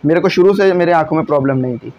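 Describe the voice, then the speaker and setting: Male teacher, high register, patient classroom explainer. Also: racing, darkish tone, highs cut off. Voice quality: glasses wearer. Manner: explains patiently, often checks in with "theek hai". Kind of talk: classroom lesson solving exam questions.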